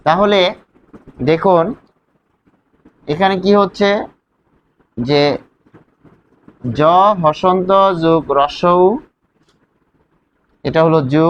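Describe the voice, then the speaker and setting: A man's voice: a little high, drawn-out words, pauses often, lo-fi sound. A man teaching a grammar lesson, explaining step by step and asking his students questions as he goes. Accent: Bangladeshi Bengali.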